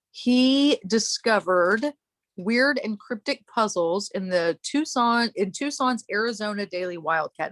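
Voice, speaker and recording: A woman's voice: medium pitch, no room sound. A woman hosting a casual chat, telling a long story in a rambling way, breaking off and laughing often. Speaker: podcast host.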